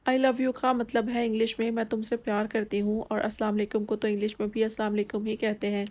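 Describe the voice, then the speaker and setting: A woman's voice: a little high, level tone, darkish tone, natural voice. A woman voicing a mischievous young woman who talks in a playful, teasing way.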